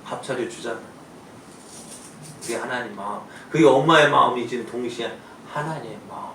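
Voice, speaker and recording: Man, pastor, emphatic sermon, loud and soft by turns, roomy church sound, heard from a distance. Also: medium pitch, normal speed. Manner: emphatic preaching, swings between loud pleading and soft asides. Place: church sanctuary. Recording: echoey church room from a distance, faint noise.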